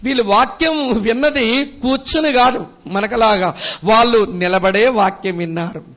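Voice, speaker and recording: A man's voice: high-pitched, unhurried, a bit bright, muffled recording. A man preaching a sermon at a retreat with a Telugu accent, reading scripture aloud and asking the audience questions. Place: retreat meeting hall.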